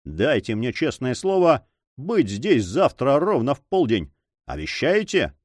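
A proud forester with a fierce sense of honor, bursting out in passionate exclamations, as a male reader puts him on. His voice swings widely in pitch, and the sound is close and dry. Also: big pitch swings, unhurried, no room sound. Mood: grave. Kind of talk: audiobook character reading.

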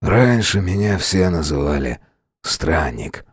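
A gravelly, low-pitched ancient wanderer, as a male reader puts him on, calm and matter-of-fact. His hoarse voice still rises and falls with life. The audiobook recording is close and dry. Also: slow pace, no echo, full character voice. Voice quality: hoarse, creaky. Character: hoarse century-old man, calm, part inhuman. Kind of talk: audiobook character voice.

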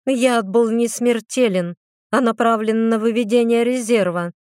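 A woman voicing a spirited young female mage student, lively and a little whiny. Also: on the high side, measured pace, no room sound, studio quality, close to an everyday voice. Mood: brisk.

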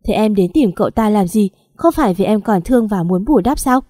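A woman's voice: medium pitch, animated, a little fast, dark tone, dry recording, studio quality, close to an everyday voice. A woman reading the lines of a betrayed husband in his thirties who speaks with cold, restrained anger in an audio story. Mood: accusing.

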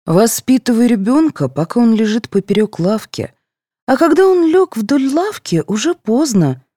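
A woman's voice: on the high side, huge pitch swings, normal speed, warm tone, dry recording, clean studio sound, pitched above the performer's own voice. A woman voicing a blunt, preachy young boy who lectures the grown-ups in an audiobook. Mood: lecturing. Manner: lecturing, sneering.

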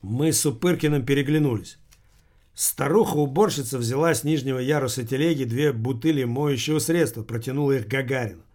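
A man reading a novel as an audiobook in a measured, deadpan way. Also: medium pitch. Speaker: audiobook narrator. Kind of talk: audiobook narration.

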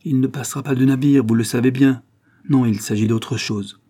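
Starving older father, pleading low, dark husky tone, read by a male narrator. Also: fairly even intonation, moderate pace, natural voice. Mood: urgent. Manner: low pleading, secretive murmur. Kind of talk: audiobook dialogue reading.

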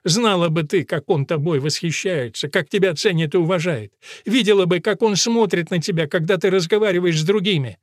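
A man's voice: sits high, fairly quick, hardly any pauses, dry recording, studio quality, voice pushed up, close to an everyday voice. A man voicing Annet, a wistful rival village woman. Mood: earnest. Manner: pleading, confessional.

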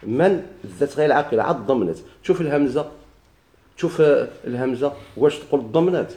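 Fast, mellow Moroccan male teacher. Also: medium pitch, animated. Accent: Moroccan Arabic. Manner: asks the class questions and answers them himself. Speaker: grammar teacher. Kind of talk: classroom grammar lesson. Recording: echoey room.

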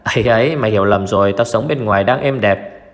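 A man's voice: on the low side, fast, close to an everyday voice. A man doing a glib, grinning young swindler. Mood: glib joking. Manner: breezy, glib, joking.

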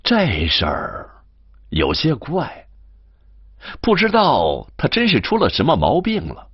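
A man's voice: a little high, wildly swooping pitch, takes it slowly, breathy edge, dry recording, highs cut off, voice pushed up, exaggerated voice. A man doing a sly wheedling young servant. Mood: teasing, wheedling. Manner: teasing and wheedling.

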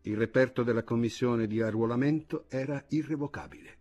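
Husky man narrating gravely. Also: medium pitch, darkish tone, soft background music. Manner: measured, grave. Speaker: audiobook reader. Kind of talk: literary audiobook narration.

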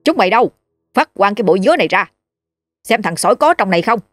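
A gruff old village sorcerer, as a woman narrator puts him on barks orders and scolds. His voice sits fairly low for her, and soft music plays under this storybook reading. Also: expressive, a little fast, no room sound, clean studio sound. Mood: gruff commanding.

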